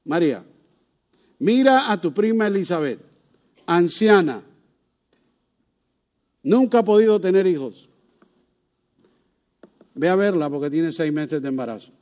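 A man's voice: high-pitched, lively intonation, takes it slowly, darkish tone, dull audio. A man voicing a reassuring angel messenger while preaching.

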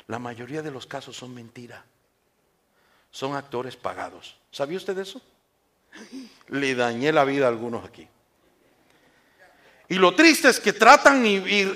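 A man preaching a sermon in a church, switching between loud emphatic lines and quiet asides, and using mocking voices for the people he quotes. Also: on the high side, sing-song, moderate pace, pauses often.

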